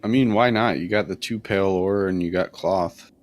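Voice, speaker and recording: A man with a cold, hoarse from being sick, giving casual, joking commentary on a live game match. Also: deep voice, moderate pace. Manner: joking, laughs often.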